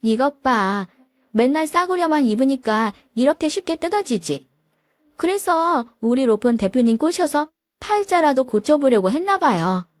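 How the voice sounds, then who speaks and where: Woman voicing a shrill, sneering young lawyer sister-in-law. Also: sing-song, moderate pace, dry recording, clean studio sound.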